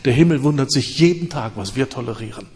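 A man preaching and leading prayer with fervor, in repeated rising phrases and hushed stretches. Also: mid-range voice, lively intonation, quick pace, breathy edge. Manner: fervent, repetitive prayer cadence with hushed stretches. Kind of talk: sermon and prayer.

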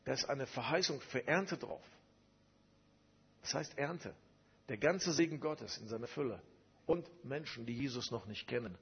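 A man's voice: mid-range voice, slightly rough, muffled recording. A man preaching a sermon, telling a personal story emphatically and repeating phrases.

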